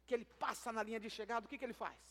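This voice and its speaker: A Brazilian pastor with a high-pitched voice preaches in a church. He is playful and joking, dropping to quiet asides one moment and calling out loudly to the congregation the next. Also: steady tone, very fast. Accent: Brazilian Portuguese. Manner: playful and humorous, shifting between soft asides and loud calls. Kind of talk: lively sermon. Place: church sanctuary.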